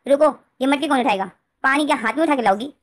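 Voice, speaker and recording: A woman voicing a bossy, loud young man who keeps ordering others around in a scolding tone. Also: high voice, fast talker, pitched above the performer's own voice, natural voice. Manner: scolding, insistent.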